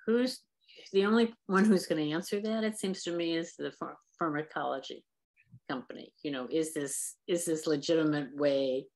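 A woman's voice: low-pitched, normal speed, darkish tone. A woman on a video call, speaking plainly and with firm opinions. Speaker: discussion participant.

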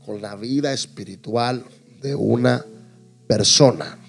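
A man preaching a humorous sermon to his congregation, animated and jokey, acting out little scenes. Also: mid-range voice, slow, vocal fry, breathy edge, soft background music. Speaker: pastor.

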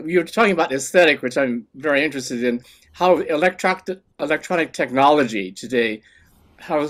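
Man posing a long question on a call. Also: mid-range voice. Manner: searching, restarts and "you know" as he frames his question. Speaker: conference attendee asking a question. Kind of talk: spoken question on a video call.

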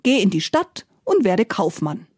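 A woman voicing a sleepy Luck sprite that murmurs calm, matter-of-fact advice. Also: mid-range voice, unhurried, breathy edge, no echo, clean studio sound.

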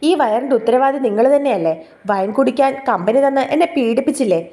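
A woman voicing a teasing, impatient young pregnant wife who scolds her husband in sharp banter for an audio story. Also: high-pitched, fast talker, lightly acted. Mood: scolding.

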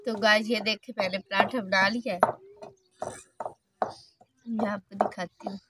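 A woman's voice: mid-range voice, steady tone, a little slow, heavy background noise. Young woman chatting while cooking. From Pakistan. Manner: chatty, laughs often. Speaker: vlogger. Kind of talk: casual cooking vlog. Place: rural courtyard, outdoors and in a brick kitchen.

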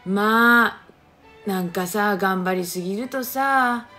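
A woman's voice: mid-range voice, takes it slowly, pushed and bright, faint music behind. A middle-aged woman with a Kagoshima accent, chatting casually on a phone livestream and greeting viewers by name. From Japan, Kagoshima. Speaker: livestream host reading viewer comments.

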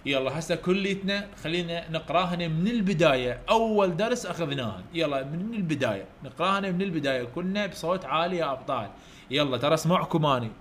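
An Iraqi-accented man leads a children's English lesson, drilling each letter in call-and-response. His voice sits a little high, and he keeps urging the class to speak up and praising them. Faint background noise runs under the recording. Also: lively intonation, quick pace. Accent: Iraqi Arabic.

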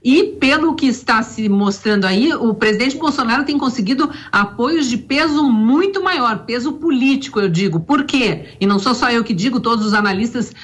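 Middle-aged woman, combative political pundit, higher voice, video call from home. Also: animated, moderate pace, few pauses. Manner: emphatic, combative, sarcastic asides. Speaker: political commentator. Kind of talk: opinionated news commentary. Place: home study with bookshelves.

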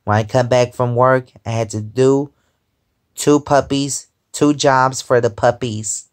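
Slow-talking young man rambling from bed. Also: mid-range voice, steady tone. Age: 20s. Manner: rambling, repeats "because, um". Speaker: vlogger. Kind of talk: casual chat. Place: lying in bed at home, indoors. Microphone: phone held close above face.

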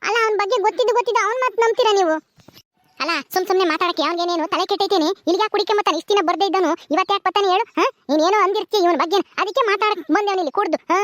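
A sharp-tongued village mother-in-law, played by a woman nagging in a very high, rapid voice. She hammers each point home with a demanding "ha?". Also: dry recording. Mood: scolding. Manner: scolding, nagging, ends lines with "ha?".

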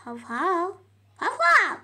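Yappy little pet dog, eager and high, a woman barks it out for a game role-play. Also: wildly swooping pitch, slow pace, sharp tone, distant mic, full character voice.

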